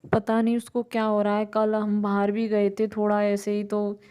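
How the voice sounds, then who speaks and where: Tired mom vlogger, even and mellow, rambles through chores in a home kitchen. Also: female voice, medium pitch, moderate pace, clear, resonant tone. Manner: rambling, talks on while doing chores. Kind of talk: casual chatty home vlog narration.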